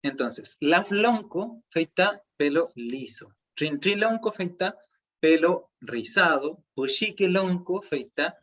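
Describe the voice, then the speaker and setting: A man's voice: fairly high pitch, expressive, slow pace, fairly bright tone, dull audio. A man with a Chilean Spanish accent teaching a language class online, explaining step by step and checking in with students often.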